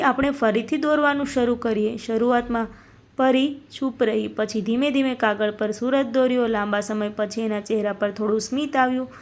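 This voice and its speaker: Woman reading a sad moral story, kinda high voice, slow and solemn. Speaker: narrator. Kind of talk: scripted narration of a moral story.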